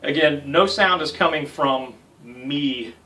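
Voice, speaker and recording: An American guitar instructor in his thirties gives a casual tutorial from a small home music room, making self-deprecating jokes along the way. His voice is on the high side and slow-paced. The mic is distant and the recording is very noisy.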